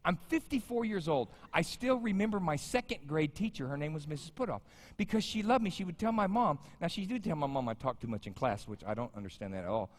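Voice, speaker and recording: Speaking fast with a slightly high, animated voice, this fifties-aged pastor delivers a sermon in a big sanctuary. He keeps it conversational, trading jokes with the congregation, while long church reverb trails his words.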